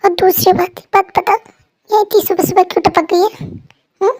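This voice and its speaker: A woman's voice: sits high, normal speed. A woman playing a jealous, short-tempered young wife who scolds in an exasperated way, in a fan story role-play.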